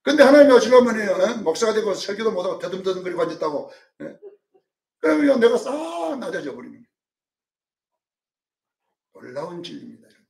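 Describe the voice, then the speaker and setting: A male pastor preaching a sermon, dramatic, swinging from loud calls to hushed asides and acting out quotes. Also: sits high, big pitch swings, fairly quick, long pauses, distant mic. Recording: roomy sound from off-mic.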